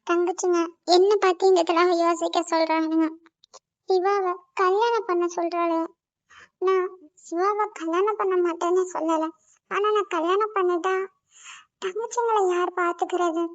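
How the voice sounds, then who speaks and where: A woman voicing a gentle young woman devoted to her younger sisters, soft and polite. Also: very high-pitched, steady tone, moderate pace, dry recording, lo-fi sound. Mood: sorrowful. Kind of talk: cartoon voice acting.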